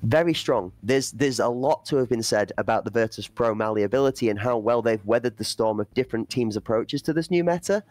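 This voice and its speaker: A man's voice: mid-range voice, fairly quick, hardly any pauses, a little mellow, dry recording. A man commentating an esports playoff, breaking down play and building hype for the chat. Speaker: esports caster.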